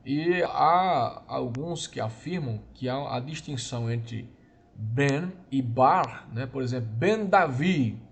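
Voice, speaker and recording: A man teaching a lesson, explaining slowly and patiently and often checking in with his listeners. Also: medium pitch, lively intonation, vocal fry, a little hiss or hum. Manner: slow, patient explaining, often adds "né?" and "irmãos". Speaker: Hebrew teacher. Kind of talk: recorded online lesson.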